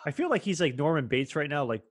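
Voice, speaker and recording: A man's voice: a little high, big pitch swings, fast. A man giving casual, joking film commentary as a co-host, in a crude and heavily profane way. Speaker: co-host of a movie watch-along.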